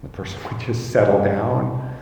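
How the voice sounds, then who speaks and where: Man, pastor, measured sermon, roomy echo. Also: fairly low pitch, fairly even intonation, creaky, mellow, slight background noise. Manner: slow, measured preaching with emphatic rises.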